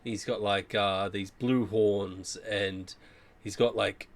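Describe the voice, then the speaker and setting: A man's voice: lowish voice, steady tone, slow. A man narrating as game master, loosely searching for words with um and like.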